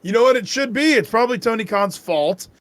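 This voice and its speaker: A man's voice: extremely high pitch, expressive, a little fast, no room sound. A man co-hosting a live stream, ranting in an exasperated, profane way. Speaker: co-host. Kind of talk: casual live-stream commentary.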